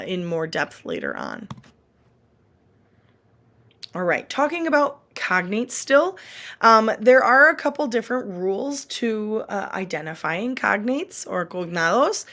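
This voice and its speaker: A woman's voice: fairly high pitch, a bit bright. A woman who is a Spanish teacher and a mother, speaking in a recorded online lesson and patiently repeating example words. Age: adult.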